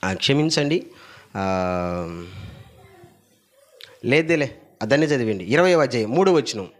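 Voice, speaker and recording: A male pastor preaching a sermon at a church service, urging the congregation to repeat verses aloud and swinging between loud emphatic lines and low asides. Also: sing-song, slow.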